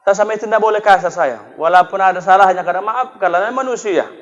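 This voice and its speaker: Guy preaching funny sermon, high voice, echoey hall. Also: quick pace, dull audio. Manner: lively, joking, addresses the crowd. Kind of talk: comic sermon.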